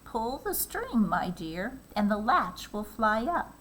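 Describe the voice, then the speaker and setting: A frail, sick old grandmother in bed, played by a woman reading aloud calls out in a high, quavering voice. Her delivery is kindly and slow. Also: big pitch swings, a bit bright, a little hiss or hum, heavily acted, poor audio.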